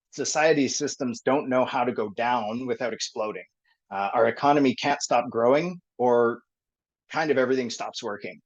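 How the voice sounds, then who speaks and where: A man presenting a technical topic on a group call, thinking aloud with many pauses and fillers. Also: mid-range voice. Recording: dull lo-fi call audio.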